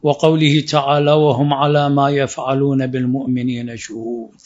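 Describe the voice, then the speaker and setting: A man's voice: mid-range voice, little pitch movement, normal speed, darkish tone. A man giving a religious lecture, explaining verses point by point and rising for emphasis. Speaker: preacher. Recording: dull lo-fi recording.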